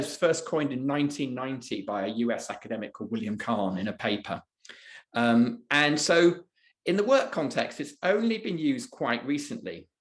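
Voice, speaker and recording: Guy running a webinar, chatty and loose, reading chat answers out, echoey room. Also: medium pitch. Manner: conversational, reads out audience chat answers. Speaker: webinar host and presenter. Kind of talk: live webinar presentation.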